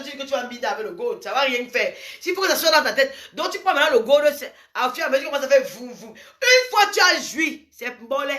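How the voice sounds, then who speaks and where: A woman's voice: sits high, sharp tone. A woman giving a frank advice monologue to camera, emphatic and repetitive, with sudden exclamations. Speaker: advice vlogger.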